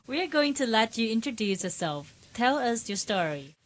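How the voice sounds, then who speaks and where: A woman's voice: a little high, big pitch swings, moderate pace. Upbeat Malaysian woman radio host. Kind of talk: scripted radio show hosting.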